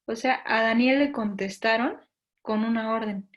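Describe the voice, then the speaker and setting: Una mujer predica un sermón juvenil animado con acento mexicano, con tono de plática y contando anécdotas con humor. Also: female voice, on the high side, unhurried. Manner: playful, storytelling, acts out her own pleas. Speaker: youth preacher. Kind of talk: lively youth sermon.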